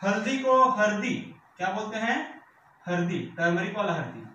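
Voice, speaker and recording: High-voiced male teacher in an echoey room. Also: big pitch swings, normal speed, pushed and bright, distant mic, highs cut off, a little hiss or hum. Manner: repeats words with rhetorical questions, checks "clear?". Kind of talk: exam-prep vocabulary lesson.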